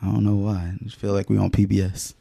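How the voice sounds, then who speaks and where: Low gravelly man, dry teasing. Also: monotone, quick pace, mellow, dry recording. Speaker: podcast co-host. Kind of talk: casual chat.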